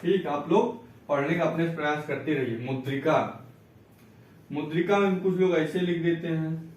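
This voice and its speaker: Male teacher, patient explainer, slightly high voice, recorded off-mic in a booming room. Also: a little mellow, distant mic, highs cut off. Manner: explains patiently, repeats words slowly, asks and answers his own questions. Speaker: Hindi teacher. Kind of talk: spelling and reading lesson. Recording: echoey room, voice away from mic.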